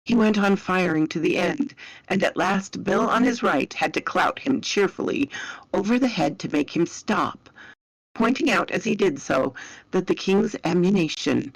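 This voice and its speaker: A woman narrating a dramatic story in a slow, measured way. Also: lowish voice, lively intonation, gravelly, no room sound, poor audio.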